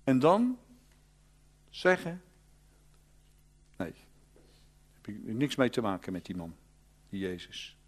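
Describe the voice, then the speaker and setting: A male preacher, giving an animated storytelling sermon that swings from loud to hushed. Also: mid-range voice, takes it slowly, long pauses.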